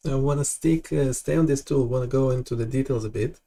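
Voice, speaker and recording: A man hosting a live development stream, talking casually and haltingly, with many fillers and restarts. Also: medium pitch, dark tone.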